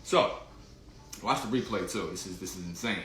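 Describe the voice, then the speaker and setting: A man's voice: sits low, lively intonation, moderate pace, a bit bright, echoey room, soft background music. A man hosting a casual livestream, telling a rambling story full of slang and restarts while greeting viewers in the chat. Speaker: livestream host.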